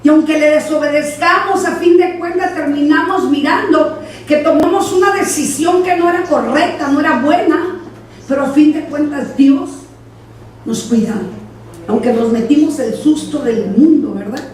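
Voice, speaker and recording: A woman pastor, preaching a sermon in an animated way and acting out the voices in her stories. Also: sits high, normal speed. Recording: echoey church from far off.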